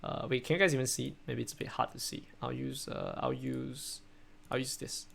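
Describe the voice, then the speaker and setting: With a brisk, level, medium-pitched voice that is gravelly, slightly rough, and fairly bright, a young Singaporean streamer and coach reviews a game replay casually. His Singaporean English commentary rambles, repeats words, and leans heavily on "right?"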